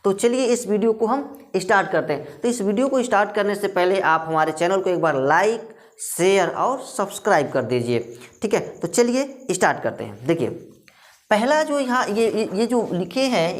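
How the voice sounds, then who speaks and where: A woman's voice: mid-range voice, lively intonation. Woman teaching english letter sounds in hindi, keeps asking and answering her own questions. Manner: repeats questions and answers them herself; drills letter sounds slowly. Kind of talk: classroom lesson.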